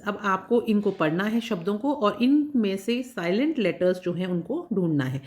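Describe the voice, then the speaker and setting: A woman's voice: mid-range voice, darkish tone. A woman teacher taking schoolchildren through a workbook lesson, patiently spelling words out letter by letter and checking they follow along. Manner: addresses children directly, checking understanding. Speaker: English teacher.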